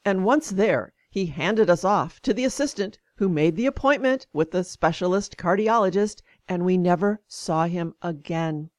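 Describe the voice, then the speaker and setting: A woman's voice: on the low side, moderate pace, few pauses, dry recording. A woman hosting a show, telling a personal story in an indignant, conversational way.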